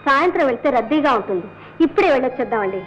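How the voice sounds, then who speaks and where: A woman's voice: high-pitched, animated, rapid-fire, fairly bright tone. An actress playing a devoted young wife and mother in an old film, coaxing and pleading with her husband. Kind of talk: 1970s Telugu film dialogue. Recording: muffled old film soundtrack with music.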